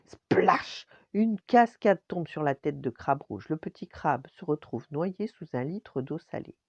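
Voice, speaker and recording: Older woman, low, animated bedtime storyteller; dry, slightly dull recording. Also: measured pace, dry recording. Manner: lively, expressive reading. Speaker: storyteller grandmother.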